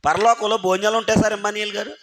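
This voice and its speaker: High-voiced man preaching with pointed questions. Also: flat delivery, very fast, a bit bright. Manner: keeps firing rhetorical questions at the congregation and calling on listeners by name; emphatic, urging listeners to think carefully. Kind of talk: sermon. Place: church hall.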